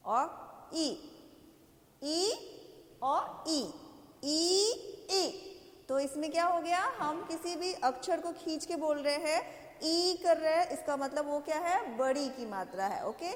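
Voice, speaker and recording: A woman teaching a kindergarten language lesson. She asks questions, answers them herself, and draws out the vowels. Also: sits high. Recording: echoey roomy sound with long reverb.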